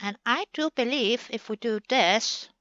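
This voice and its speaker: A woman talks slowly and playfully as she builds in a game, coaxing the pieces into place. Her voice sits a little high and sounds bright. The recording is dry and slightly muffled. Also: no echo. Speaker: gaming channel host. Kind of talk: chatty build commentary.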